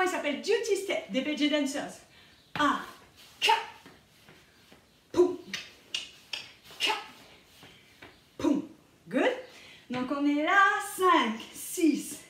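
A woman teaching a dance routine, counting beats aloud and scatting the rhythm, with English cues mixed into her French. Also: high voice. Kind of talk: dance tutorial, counting steps. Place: dance studio. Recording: roomy, distant camera sound with music. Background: dancehall music.

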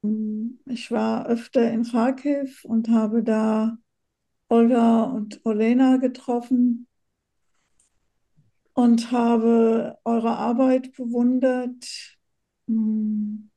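A woman hosts a video call in a dark, gravelly voice. She speaks slowly with a flat melody, softly and without hurry. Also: on the high side. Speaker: meeting host. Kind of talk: moderating a video meeting.

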